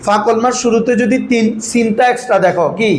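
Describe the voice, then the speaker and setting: A male Arabic grammar teacher, drilling his students with quick questions in a patient classroom manner. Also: very high-pitched, roomy sound, a crowd in the background, low-quality recording.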